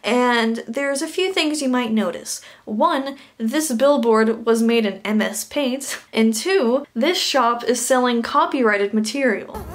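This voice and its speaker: A woman's voice: fairly high pitch, takes it slowly, few pauses. A young woman reviewing a bad movie in a comedic rant, sarcastic and laughing between lines.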